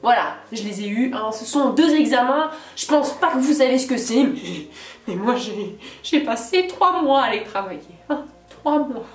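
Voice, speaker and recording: A woman's voice: sits high, lively intonation, moderate pace. A young French woman vlogging in a chatty, playful way, filling her talk with little asides. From France. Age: young adult. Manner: chatty, many fillers and "hein", playful asides. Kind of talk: casual chat to camera. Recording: echoey room, mic at a distance, faint music.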